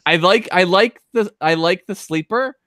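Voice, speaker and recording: A man's voice: high-pitched, moderate pace, bright, forceful tone, no echo, studio quality. A man co-hosting a casual sports podcast, joking, laughing often and swearing. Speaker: podcast co-host.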